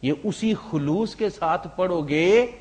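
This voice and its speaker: In a high voice, a man preaches as an Islamic preacher, weaving stories through his sermon. Loud, emphatic passages give way to quiet asides, and English words appear throughout.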